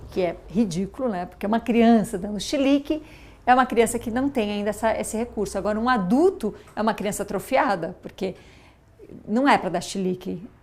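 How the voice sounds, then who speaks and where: A middle-aged mother with a Brazilian accent, telling a story and reflecting in a thoughtful, halting way with many fillers and restarts. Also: mid-range voice, darkish tone. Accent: Brazilian Portuguese. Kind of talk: reflective interview talk.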